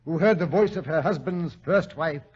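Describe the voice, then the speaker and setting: An actor playing a genteel, hesitant British doctor who tells stories in a fussy way, in 1940s radio style. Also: male voice, on the high side, moderate pace, close to an everyday voice. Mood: musing. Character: genteel, flustered British doctor, loyal storyteller. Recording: dull lo-fi old radio recording.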